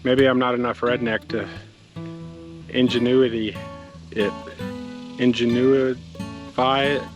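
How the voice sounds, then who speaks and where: A man chatting casually, joking and unhurried. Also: soft background music. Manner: joking, unhurried, lively pitch. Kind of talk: casual chat outdoors.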